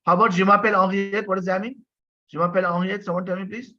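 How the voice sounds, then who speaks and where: A fairly high-voiced male teacher runs an online French lesson very fast, with a sharp tone and little pitch movement. He explains patiently, repeats himself and keeps asking students to answer, and the audio is dull and lo-fi like a video call.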